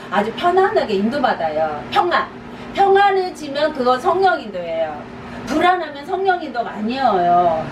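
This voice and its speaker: A woman pastor giving a conversational teaching sermon, repeating short urging exhortations with light laughs. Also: on the high side. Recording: echoey, distant, noisy room.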